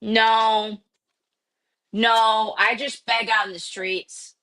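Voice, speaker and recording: A woman's voice: fairly high pitch, flat delivery, drawn-out words, sharp tone, poor audio. A woman in her thirties hosting a live stream, chatting casually and joking around. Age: 30s. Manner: teasing, jokey. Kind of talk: casual chat.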